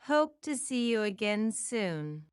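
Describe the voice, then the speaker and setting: Woman reading practice phrases, unhurried, clean and crisp, each line repeated evenly, dry close sound. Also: mid-range voice, no echo. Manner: repeats each phrase several times, deliberate and even. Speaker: English phrase reader. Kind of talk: slow read-aloud of practice phrases.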